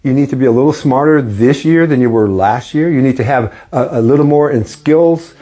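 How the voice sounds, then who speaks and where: Older guy late 60s, soft dark mellow voice, gentle and reflective, chatting life advice like a vlog. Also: medium pitch, fairly quick. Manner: conversational, often seeking agreement with rhetorical questions. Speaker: host and investing coach. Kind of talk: casual life-advice monologue to camera.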